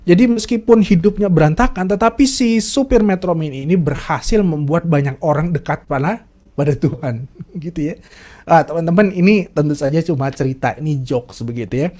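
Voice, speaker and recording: A man's voice: fairly high pitch, brisk, mellow. A man giving a casual devotional talk to an online fellowship, chatty and laughing often. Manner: chatty, frequent laughs, repeats "teman-teman". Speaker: devotional speaker.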